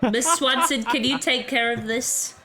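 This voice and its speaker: A woman's voice: on the high side, measured pace, music in the background. A woman playing a sassy, bossy eight-year-old in a tabletop game, with smug, blunt, childlike delivery. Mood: whiny excuses.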